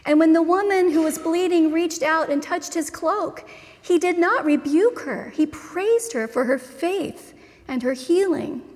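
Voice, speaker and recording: A woman pastor preaching a sermon in slow, deliberate phrases with measured pauses. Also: extremely high pitch, darkish tone. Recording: long reverb of a large hall.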